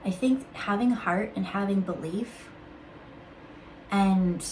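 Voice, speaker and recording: A woman reading intuitive cards in a casual, musing way, halting with fillers and restarts. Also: medium pitch, darkish tone, a little hiss or hum, low-quality recording. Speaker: intuitive card reader. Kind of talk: casual spiritual card reading.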